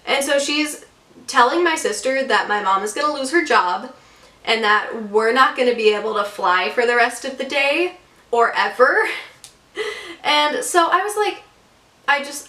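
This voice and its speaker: A woman's voice: sits high, sharp tone. A woman in her twenties telling a story to her vlog camera in a casual, chatty way, full of fillers like "like" and "um". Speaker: vlogger. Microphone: camera mic. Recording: roomy echo, camera mic at a distance.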